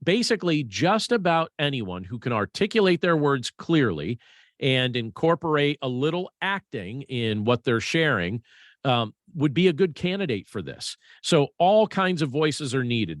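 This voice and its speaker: A man talking through practical voiceover tips in a conversational, measured way. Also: mid-range voice, no room sound, studio quality. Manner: conversational, measured, with fillers and restarts. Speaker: voiceover instructor. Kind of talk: casual instructional talk.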